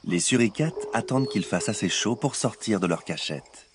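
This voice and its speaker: A man delivering scripted nature documentary narration in a measured, expository storytelling way. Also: on the low side, expressive, noisy background. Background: music.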